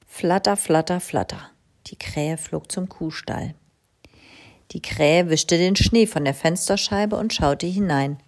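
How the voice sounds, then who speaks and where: A woman reading a children's story aloud in an expressive, lively way. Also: fairly low pitch, takes it slowly.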